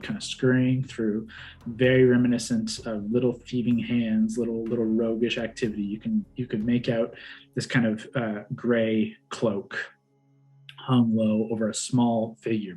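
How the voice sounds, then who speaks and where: A man's voice: mid-range voice, dark tone, poor audio. Man narrating a fantasy game over music. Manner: halting, descriptive delivery. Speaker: game master. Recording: music behind the voice. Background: background music with guitar.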